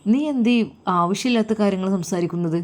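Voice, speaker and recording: Woman doing a strict tired husband, malappuram accent, pitch pushed down, quiet and firm. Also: fairly quick, natural voice. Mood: stern weary. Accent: Malappuram Malayalam. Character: stern religious husband, firm and weary.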